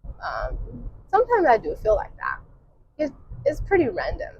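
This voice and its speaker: A woman vlogging from her car while driving, talking in a hesitant, reflective way with many filler pauses. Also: high-pitched, huge pitch swings, a little mellow. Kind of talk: casual reflective monologue. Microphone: clip-on mic. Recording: dull lo-fi with faint car noise.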